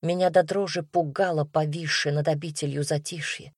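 A woman reading a first-person fantasy audiobook in a steady, expressive way. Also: sits low, normal speed, breathy edge, no echo, studio quality. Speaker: audiobook narrator.

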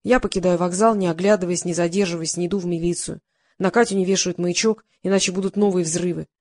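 A man's voice: high-pitched, steady tone, fast, darkish tone, no room sound, studio quality. A woman reading an audiobook, voicing a guilt-ridden middle-aged male psychotherapist who mumbles defensively through his confession. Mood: pleading.

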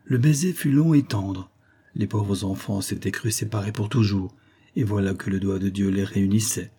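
A man narrating a novel as an audiobook in a measured, dramatic reading. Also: on the low side, mellow, slightly rough. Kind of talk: scripted narration.

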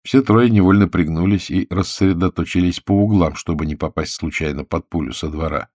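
A man narrating an audiobook in a steady, even storytelling manner. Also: low-pitched, fairly quick, no echo, studio quality. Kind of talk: scripted narration.

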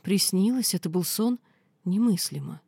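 A woman's voice: mid-range voice, expressive, moderate pace, vocal fry, a little mellow, slightly rough, no room sound. A woman reading the lines of an angry, commanding young princess in an audiobook. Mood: furious.

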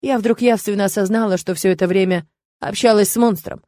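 Woman reading a fantasy audiobook, expressive, dry close mic. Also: medium pitch, brisk, no room sound. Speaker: audiobook narrator. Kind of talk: first-person fantasy audiobook narration.

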